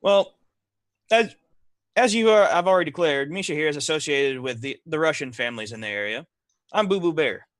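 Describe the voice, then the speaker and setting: A man voicing a cocky, self-important mobster bear who talks in halting, smooth-operator pitches in a tabletop game. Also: expressive, fairly bright tone, no echo, clean studio sound. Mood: boastful.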